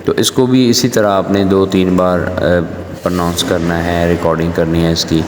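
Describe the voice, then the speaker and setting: A man's voice: low voice, level tone, normal speed, noisy background. A male English teacher explaining the meaning of each word in short dialogues and then reading them aloud with rhythm. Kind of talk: language lesson explaining dialogues. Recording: echoey room with long reverb, faint ambience.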